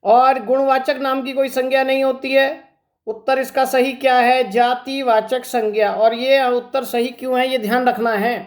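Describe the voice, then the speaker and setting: A man's voice: extremely high pitch, little pitch movement, moderate pace. A male teacher giving an exam-prep grammar lesson, explaining step by step and asking rhetorical questions. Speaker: Hindi teacher.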